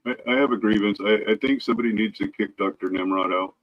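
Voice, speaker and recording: A man's voice: on the low side, fast talker. Lo-fi man with a mock-conspiratorial rant. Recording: dull lo-fi mic.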